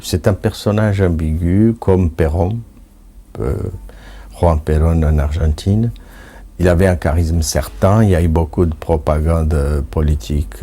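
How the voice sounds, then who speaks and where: A very deep, mellow male voice explains things in an interview, unscripted. Faint music sits underneath. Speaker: interviewed commentator.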